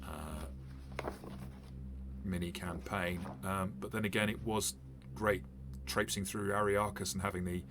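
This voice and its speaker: Over a noisy background, a man unboxes a game set, his low voice fairly even in intonation and a little slow. He runs tabletop games and reviews them, and his commentary is casual and rambling, with many fillers and restarts.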